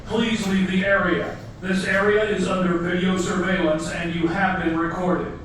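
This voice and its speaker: A stern automated male security announcement played through a loudspeaker, flat and commanding. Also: high voice, moderate pace, a little hiss or hum. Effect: automated loudspeaker warning from a siren speaker. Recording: echoey hall, loudspeaker heard from far off.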